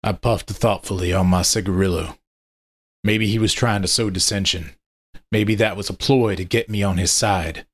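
A man narrating a first-person story in a steady, measured way. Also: deep voice.

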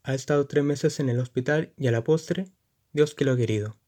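A man voicing a grieving, timid cab driver who speaks in a muffled, halting way, in a storybook reading. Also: medium pitch, mellow, natural voice. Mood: sorrowful.

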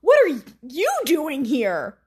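A woman voicing a young man in a short story, asking sharp, demanding questions that grow panicked. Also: sits high, huge pitch swings, takes it slowly, pitched above the performer's own voice, exaggerated voice. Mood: defensive.

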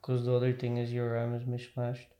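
A man's voice: mid-range voice, monotone, fairly quick, dark tone. A man chatting casually as a podcast co-host. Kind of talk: casual chat.

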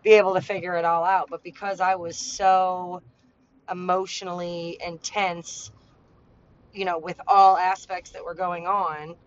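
A woman's voice: little pitch movement, unhurried. A woman talking candidly as a podcast host, rambling with lots of "like" and "you know", blunt and freely swearing. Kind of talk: candid personal monologue. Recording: muffled lo-fi with faint vehicle rumble.

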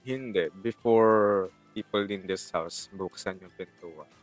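A man's voice: deep voice, measured pace, soft background music. A young man with a Filipino accent in casual banter, mixing Tagalog and English within his sentences. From Philippines. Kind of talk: casual banter among friends.

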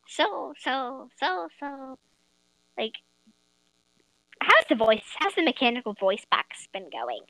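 Jacob, a girl playing an excitable stammering boy. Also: high voice, slow pace, long pauses, dry recording, exaggerated voice, low-quality recording. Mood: excited. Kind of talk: amateur audio drama.

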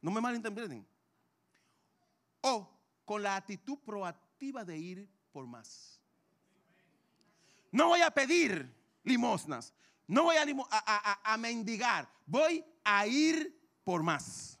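A man's voice: high voice, big pitch swings, slow pace, bright, forceful tone. A man preaching a sermon, asking rhetorical questions and repeating key phrases for emphasis. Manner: dramatic rise and fall, rhetorical questions.

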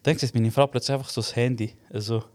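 Speaking fast in a mid-range voice, this young Swiss German-accented podcast co-host recounts a story during a relaxed chat. He brings it to life by performing each quoted line in character.

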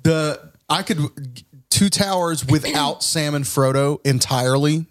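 A man's voice: a little high, fairly even intonation, unhurried. A man hosting a podcast, talking in an easygoing, chatty way with lots of fillers. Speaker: podcast host. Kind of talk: casual chat.

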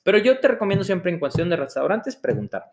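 A man's voice: high-pitched, quick pace. A man with a Mexican accent co-hosting a podcast, chatting casually and telling stories with lots of slang. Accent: Mexican Spanish. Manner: slangy, animated storyteller. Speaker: podcast co-host. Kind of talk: casual travel chat.

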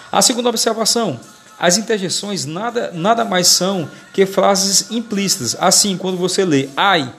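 A man's voice: high-pitched, vocal fry. A man, teaching a grammar lesson as a podcast, explaining step by step and often restarting words.

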